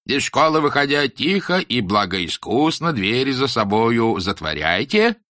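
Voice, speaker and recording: A stern, pompous schoolmaster from an old storybook, as a male narrator puts him on, pitched well above a plain voice and declaiming loudly. He lectures in slow, swinging rhymes with a bright, cutting tone. The sound is close and dry. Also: sing-song, dry recording. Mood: instructing. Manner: rhyming sing-song preaching, slow and emphatic.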